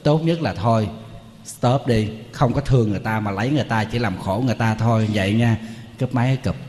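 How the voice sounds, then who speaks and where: Humorous monk preaching. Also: male voice, lowish voice, fairly quick, in a large hall. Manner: humorous storytelling, animated. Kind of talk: sermon.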